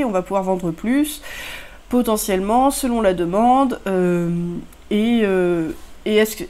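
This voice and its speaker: A woman's voice: mid-range voice, mellow. A woman casually talking through board game rules and her opinion of them, with many hesitations and filler sounds. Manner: hesitant, many "euh" fillers, loose unscripted explaining. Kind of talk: casual spoken review.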